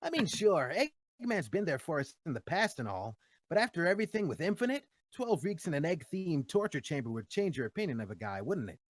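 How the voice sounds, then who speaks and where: A man plays a cocky cartoon hero hedgehog, upbeat and full of playful wisecracks. The delivery is breezy and very animated, on a dry, close recording. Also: fairly high pitch, brisk, no room sound. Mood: wry, cocky. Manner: breezy, quippy. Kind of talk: in-character fan Q&A.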